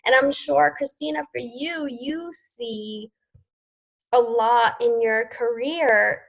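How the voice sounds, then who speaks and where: A woman in her forties hosts a group video call as team leader, keeping the motivational chat casual with plenty of "like" and "you know" and frequent laughter. Her voice sits a little high and creaky, with a steady tone and an unhurried pace. The recording is rough.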